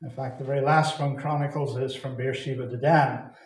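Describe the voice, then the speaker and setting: A man from Canada, giving a deliberate Bible teaching address that repeats and stresses key words. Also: mid-range voice, steady tone. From Saskatchewan, Canada. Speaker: Bible conference speaker. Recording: echoey hall.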